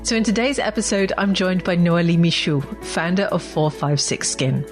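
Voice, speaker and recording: A woman hosting a podcast interview, reading a clear scripted introduction and then asking friendly questions. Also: on the low side, animated, normal speed, faint music behind. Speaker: podcast host.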